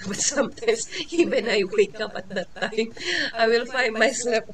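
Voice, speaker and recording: Over crowd noise, a fairly high-voiced woman talks unhurriedly. She's a Filipino teacher in her forties whose native tongue is Tagalog, and her informal English lecture has lots of fillers, false starts and soft laughter.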